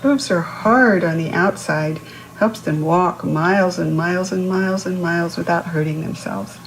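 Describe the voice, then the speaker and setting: A woman's voice: lowish voice, normal speed, slight background noise, low-quality recording. A woman reading a picture book aloud to young children, instructive, posing questions to the listener and explaining words. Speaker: children's read-aloud host.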